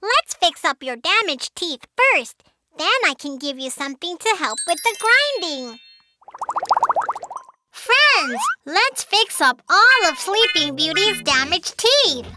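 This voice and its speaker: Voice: extremely high pitch, very animated, slow pace, background noise, heavily acted. A performer voicing a cheerful young baby shark dentist in a preschool cartoon, speaking simply and reassuringly. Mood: reassuring, instructive. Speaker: cartoon doctor character. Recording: music under the voice.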